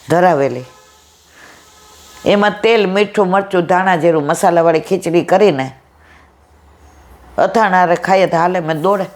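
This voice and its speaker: A woman giving a devotional satsang talk, retelling a conversation and fondly calling listeners "my dear". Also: lowish voice. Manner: affectionate, storytelling, addresses listeners as "my dear". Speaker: satsang speaker.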